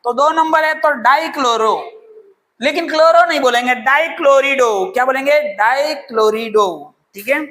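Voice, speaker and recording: A woman with a high, slightly quick, somewhat bright voice gives a chemistry class lecture. She poses questions and answers them herself, using homely examples and playful asides.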